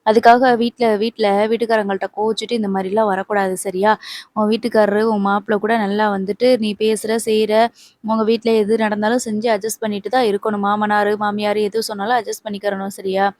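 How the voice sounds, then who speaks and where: A woman voicing a middle-aged uncle who gently lectures his niece, in a soothing way. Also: mid-range voice, level tone, brisk, lightly acted. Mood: advising.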